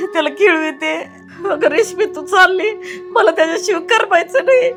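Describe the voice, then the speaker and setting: High-voiced woman lamenting tearfully. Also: moderate pace, music in the background. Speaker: aunt in comedy sketch. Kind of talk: sketch comedy acting.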